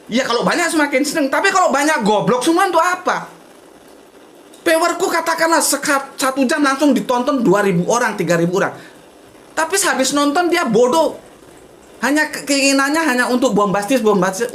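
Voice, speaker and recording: Man, outspoken speaker, wide-ranging lively pitch, faint noise behind. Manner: blunt and outspoken, with frequent "gitu loh" fillers. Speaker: invited speaker at a religious discussion. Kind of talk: blunt casual talk to an audience.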